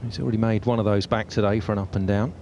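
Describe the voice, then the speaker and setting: A man's voice: fairly low pitch, little pitch movement, rapid-fire, dark tone, lo-fi sound, a little hiss or hum. A man working as a golf commentator, describing tournament play as it happens.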